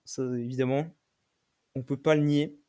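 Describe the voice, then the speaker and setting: A young man commentating his own game play, swearing often and shouting when he loses. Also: mid-range voice, fairly even intonation, moderate pace, clear, resonant tone. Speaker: gaming streamer.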